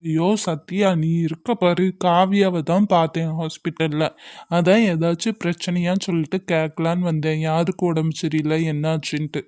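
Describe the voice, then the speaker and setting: A woman voicing a gentle, caring young man in an amateur cartoon, speaking calmly and with reserve. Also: low-pitched, moderate pace, dry recording, lightly acted. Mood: reserved.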